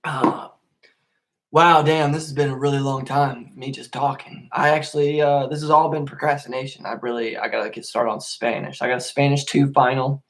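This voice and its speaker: A young man hosting a casual solo podcast, rambling and swearing a lot, getting worked up and then calming down. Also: medium pitch, moderate pace. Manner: rambling, profane, easily worked up. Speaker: podcast host.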